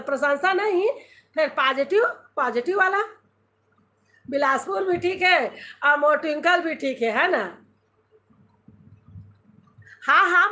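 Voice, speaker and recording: Bright high-voiced Chhattisgarhi woman chatting. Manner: chatty, switching between Hindi and dialect, reading out comments. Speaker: live-stream host. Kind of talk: casual live-stream chat with viewers. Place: home.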